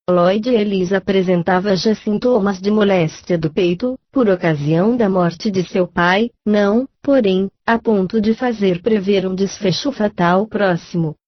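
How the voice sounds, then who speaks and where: A woman reads a book aloud in a calm, measured narration. Her voice sits in a middle range. The recording is dull and lo-fi, with a dry sound and no room echo. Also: medium pitch. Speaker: reader.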